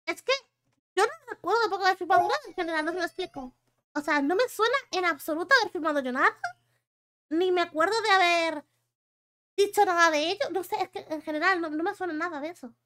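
Very high, bright-voiced Spanish streamer woman. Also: fast talker. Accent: Spain Spanish. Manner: chatty, reacting to chat and reading messages aloud. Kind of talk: casual live-stream chat.

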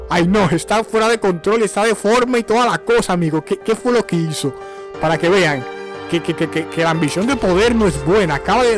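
A young man giving excited gameplay commentary, stammering and repeating words as he reacts. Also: high voice. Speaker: Minecraft video creator.

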